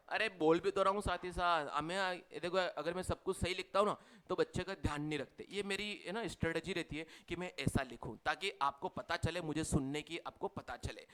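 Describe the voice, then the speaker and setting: A man's voice: high voice, fairly bright tone. A man teaching a commerce revision class with an Indian accent, chatty and teasing, mixing Hindi with English terms. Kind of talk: live class revision lecture.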